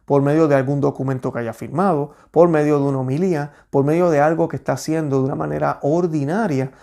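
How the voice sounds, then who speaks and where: A man reading a history text aloud in a measured, steady way, then explaining it to his viewers. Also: on the high side, gravelly. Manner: steady, measured reading with small restarts on words.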